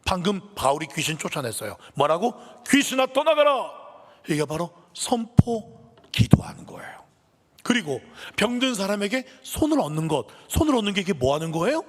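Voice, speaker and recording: A man's voice: high-pitched, fairly quick. A male pastor telling a story in a sermon for all ages, asking the congregation questions and getting them to answer. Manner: animated storytelling with call-and-response to the congregation. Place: church sanctuary. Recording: echoey church hall.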